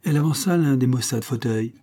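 A man narrating a novel in an audiobook with measured, literary storytelling. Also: mid-range voice, mellow.

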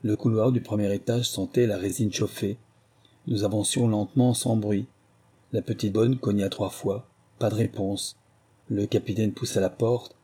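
A man narrating a novel in a steady, measured storytelling voice. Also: on the low side, breathy edge. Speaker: audiobook narrator.

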